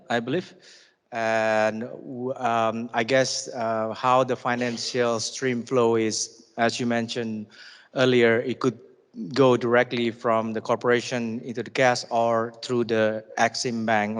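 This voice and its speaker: Male moderator, hesitant, monotone, long hall reverb. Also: medium pitch, smooth. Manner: halting, many fillers. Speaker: forum moderator. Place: conference hall.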